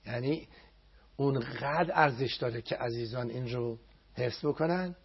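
A man with a gravelly, husky voice gives an emphatic religious talk for television. He repeats phrases for weight and slows into chanted prayers. The audio is dull and lo-fi, like an old broadcast. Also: mid-range voice. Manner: emphatic, chants Arabic prayers slowly with repetition. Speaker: religious speaker.

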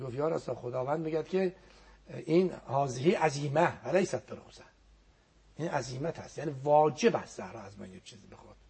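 A man's voice: medium pitch, vocal fry, darkish tone, slightly rough. A man giving a religious talk as a guest on a program, teaching earnestly and quoting Arabic prayers, his voice sometimes sinking to a near whisper.

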